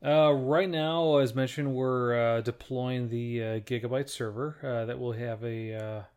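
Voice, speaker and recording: A man co-hosting a podcast, chatting casually in a careful, halting way. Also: medium pitch, fairly even intonation, a little mellow, clear, resonant tone. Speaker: podcast co-host. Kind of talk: casual tech chat.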